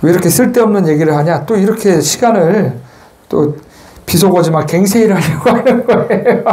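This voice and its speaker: Joking monk giving a temple sermon. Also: male voice, high voice, moderate pace. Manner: chatty and joking, teases the listeners, shouts chants to demonstrate. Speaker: Buddhist monk giving a Sunday dharma talk. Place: temple hall with listeners.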